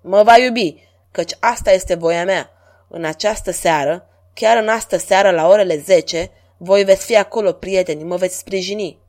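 Woman voicing a vain, lovestruck king. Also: lightly acted. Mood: imperious. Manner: grand, declamatory, louder and higher than her narration. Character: lovestruck middle-aged French king, vain and commanding.

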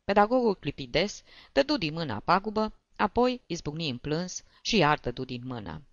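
A volunteer reader narrates a story with expressive delivery. The pitch moves in a lively way. The recording sounds dull and very dry. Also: dry recording. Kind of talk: audiobook narration.

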